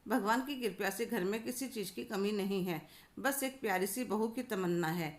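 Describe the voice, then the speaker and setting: This is a gracious widowed mother-in-law, voiced by a woman narrator, gentle and affectionate in every word. Her voice sits at an ordinary middle pitch. It is a spoken storybook reading. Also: moderate pace, close to an everyday voice.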